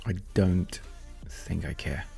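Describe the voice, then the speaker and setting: A man's voice: deep voice, takes it slowly, vocal fry, mellow, faint music behind. A man thinking aloud and rambling as he codes on a casual live stream. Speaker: software developer live-streaming.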